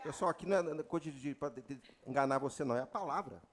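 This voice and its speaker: A Brazilian man with a Brazilian Portuguese accent, a pastor preaching a lively sermon with jokes and sudden loud declarations at a church retreat. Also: medium pitch, racing.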